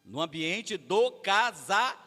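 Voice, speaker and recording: A man's voice: high voice, very animated, a little slow, pushed and bright. A man with a Brazilian Portuguese accent, preaching to a family service and talking straight to the congregation. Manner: conversational, addresses the congregation directly. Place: large church hall. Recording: echoey church hall.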